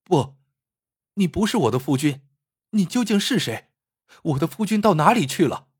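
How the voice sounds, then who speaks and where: A man voicing a distressed young wife in a storybook reading, raising his voice high and pleading. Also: big pitch swings, moderate pace, husky, no echo, studio quality, full character voice. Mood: alarmed.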